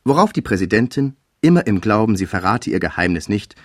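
A man narrates a classic novel with a lower voice and a very animated, rising and falling delivery. The recording is close and completely dry, with no room around him. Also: dry recording. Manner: measured, expressive literary reading. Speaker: audiobook narrator.

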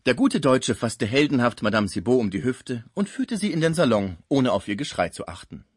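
A man narrates a novel for a radio reading. His pitch leaps and falls expressively, and the studio sound is close and dry. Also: sing-song, normal speed, husky, dry recording. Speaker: audiobook reader.

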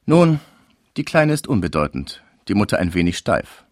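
A wealthy gentleman of an old novel, courteous on the surface and weighing every deal, speaking in a lively, rising and falling voice, as a male narrator plays him. The sound is dry and close. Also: sits low, moderate pace, no echo. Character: rich German gentleman, polite and calculating.

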